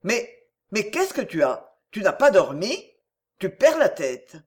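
A woman's voice: medium pitch, huge pitch swings, slow. A woman reading the lines of a bewildered, worried father, who asks puzzled, pleading questions.

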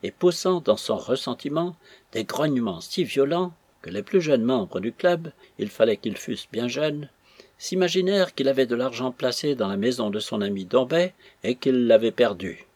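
A man reading a classic novel aloud in a steady, measured way, with a husky voice. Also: medium pitch, dry recording. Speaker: audiobook reader. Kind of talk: scripted narration of a classic novel.

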